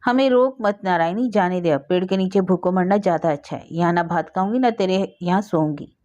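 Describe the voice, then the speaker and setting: A woman's voice: lowish voice, brisk, warm tone, highs cut off, close to an everyday voice. A woman voicing a bitter, self-pitying old mother who complains tearfully through her nose.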